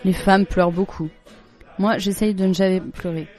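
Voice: mid-range voice, steady tone, moderate pace, dark tone, soft background music, natural voice. A storyteller voicing an earnest young schoolboy in a plain, everyday tone. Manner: plain, earnest child's talk.

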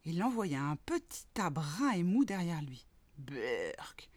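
A woman reading a children's story aloud, expressive and playful, with spoken sound effects. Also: fairly low pitch, a little slow, dry recording.

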